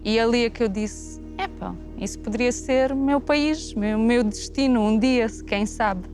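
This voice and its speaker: A woman's voice: fairly high pitch, a little slow, darkish tone, faint music behind. A woman from former Yugoslavia, native in Slovenian and Croatian, speaking in a reflective documentary interview and at times searching for words.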